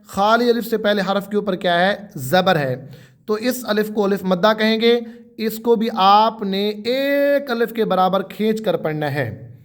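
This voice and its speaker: A man's voice: high-pitched, animated. A man teaching a Quran tajweed lesson, drawing out single letter sounds and explaining each one patiently. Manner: drawn-out letter sounds for pupils to repeat.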